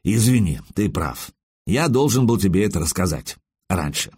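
A man reading an audiobook, voicing a tired, cautious male official in a calm, restrained and terse way. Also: low voice, moderate pace, breathy edge, no echo, studio quality, exaggerated voice. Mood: guarded. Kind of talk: audiobook narration with character voice.

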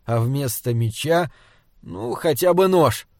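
A man narrating a fantasy audiobook in a steady, even reading style. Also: medium pitch, slow, no room sound, clean studio sound. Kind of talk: scripted narration.

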